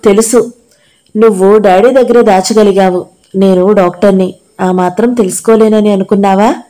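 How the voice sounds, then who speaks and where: Lady doing a gentle young guy doctor, earnest and comforting, mellow voice. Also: mid-range voice, fairly even intonation, normal speed, close to an everyday voice, rough recording. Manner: earnest, reassuring. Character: young male doctor, kind, protective friend.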